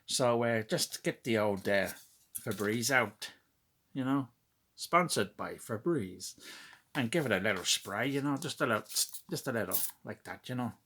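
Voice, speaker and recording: A man's voice: medium pitch, animated, normal speed, noisy background, lightly acted. A man putting on a chummy Northern Irish voice. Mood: jokey advice. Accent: Northern Irish, put on. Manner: chummy, advising, teasing.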